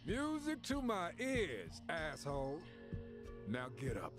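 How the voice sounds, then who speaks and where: A male actor performs a cutscene as a crooked cop who sneers, mocks and gloats while framing a suspect, with game music behind. He uses a slow, exaggerated voice on the high side, its pitch swooping wildly.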